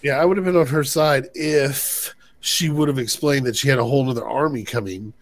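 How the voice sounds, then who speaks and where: A man's voice: medium pitch, brisk, no echo. A man co-hosting a casual TV recap, retelling scenes by acting out the characters' lines and laughing often. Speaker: podcast co-host.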